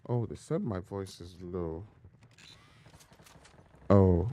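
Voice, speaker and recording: A man with a low voice and lively intonation talks very slowly while casting a live mobile shooter tournament. He speaks to viewers in long running phrases with chatty asides. His home streaming mic carries a little hiss or hum, and loud game gunfire and clicks sound behind the live stream.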